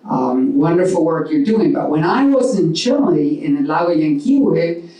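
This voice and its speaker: A woman from New York City asking a question from the floor at a live panel, halting and searching for words. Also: deep voice, lively intonation, dark tone. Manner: searching, halting phrasing with many fillers. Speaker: audience member asking a question. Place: event room at a live panel. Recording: very echoey room, voice from far off.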